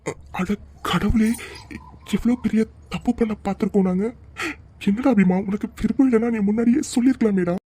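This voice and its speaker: Middle-aged cartoon father, soft husky tone, a woman voicing him. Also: medium pitch, brisk, natural voice. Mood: shocked. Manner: stammering, soothing. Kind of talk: cartoon voice acting.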